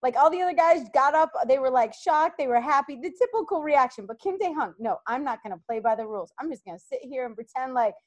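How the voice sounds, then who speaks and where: A woman's voice: sits high, expressive, fast, hardly any pauses. A woman hosting a casual fan chat show, talking animatedly and repeating herself for emphasis. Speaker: host.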